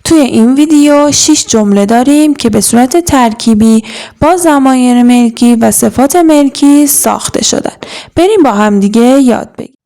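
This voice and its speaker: Young woman, grammar teacher, mellow tone, slightly high voice, slow drawn-out explaining. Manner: slow, deliberate, stretching out words. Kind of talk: explaining and modeling sentences.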